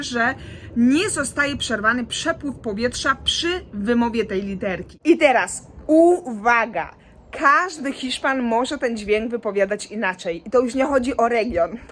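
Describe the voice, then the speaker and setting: A young woman with a fairly high voice explains pronunciation in a relaxed video lesson. She talks informally and animatedly. She sounds a bit worn out from working late. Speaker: Spanish pronunciation teacher.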